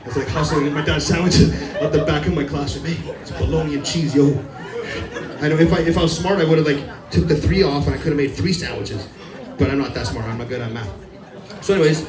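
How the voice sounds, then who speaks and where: Rambling stand-up comic in a roomy club. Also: male voice, a little high, recorded from a distance. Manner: loose, rambling, self-mocking, laughing at his own jokes. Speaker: stand-up comedian. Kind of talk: stand-up set. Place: comedy club stage before a live crowd. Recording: roomy club audio from afar, crowd laughter.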